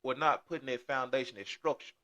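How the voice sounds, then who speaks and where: A man's voice: mid-range voice, fairly even intonation, fast talker, bright, forceful tone. A man, a guest in casual chat, talking earnestly and reflectively with many repeated starts.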